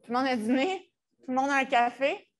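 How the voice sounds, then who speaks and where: A woman's voice: high voice, fairly quick. A woman from Quebec with a Québécois accent, a school innovation director giving a conference presentation in a chatty, joking way. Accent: Québécois French. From Quebec, Canada. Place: presentation room.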